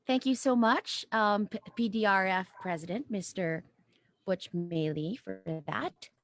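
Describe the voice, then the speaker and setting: A woman's voice: medium pitch, unhurried. Woman hosting a formal event. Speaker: event host.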